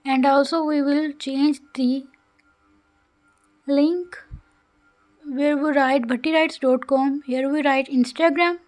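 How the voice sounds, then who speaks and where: A woman's voice: sits high, steady tone, slow, long pauses, darkish tone, faint music behind. A woman narrates a coding tutorial in a careful, instructional way, with phrasing. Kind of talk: scripted screen-recorded tutorial narration.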